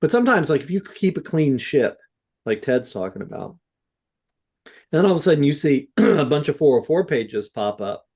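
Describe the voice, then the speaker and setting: A man's voice: a little high, very animated, normal speed, a little mellow, slightly rough. A man in a casual panel discussion talks his way through his points. He rambles with plenty of fillers and drops in an occasional curse. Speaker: SEO panelist.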